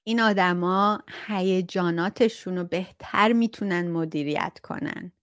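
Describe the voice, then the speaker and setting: A woman's voice: medium pitch, no room sound, studio quality. A woman chatting casually with her viewers about self-awareness, reading out their comments and laughing often. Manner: chatty, laughs often, mock-strict imitations.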